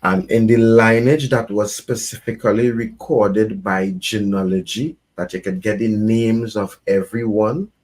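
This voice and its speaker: A man from Trinidad and Tobago, a reggae artist and guest, speaking at length in a measured, earnest way. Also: on the low side, steady tone, darkish tone. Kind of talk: reflective conversation.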